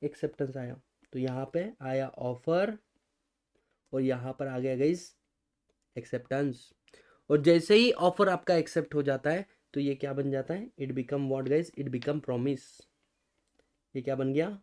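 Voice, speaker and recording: A man's voice: medium pitch, measured pace, pauses often, darkish tone. A man with an Indian accent teaching law, who keeps asking his students rhetorical questions and answers them himself. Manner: mixes Hindi and English, addresses students as guys. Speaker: law lecturer. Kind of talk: recorded exam-prep lecture.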